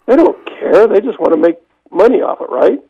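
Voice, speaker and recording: A man's voice: high voice, big pitch swings, normal speed, vocal fry, breathy edge. Older man rambling over a tinny phone line. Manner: rambling with many restarts. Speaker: veteran newspaper man as radio guest. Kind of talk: casual radio call-in chat. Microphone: telephone.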